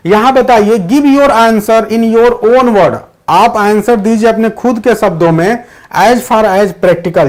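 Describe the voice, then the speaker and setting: A man with a high voice leads a live online exam-prep class. He explains English grammar points and reads his students' chat replies aloud, switching between Hindi and English sentences. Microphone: digital board class setup.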